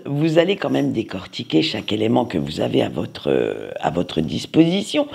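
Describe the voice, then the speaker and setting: Card reader, weekly tarot reading, chatty and playful, speaks straight to viewers, lively swooping pitch, husky. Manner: talks straight to viewers, peppering lines with "hein"; playful, chatty, searches for words aloud.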